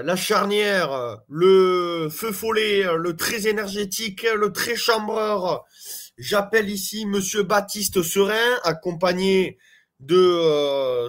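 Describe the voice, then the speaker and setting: A man's voice: high-pitched, a bit bright. A man from the Landes giving casual rugby fan commentary to his viewers, chatty and full of hesitations. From Landes, France. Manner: chatty, hesitant, many fillers, addresses viewers as "les gars".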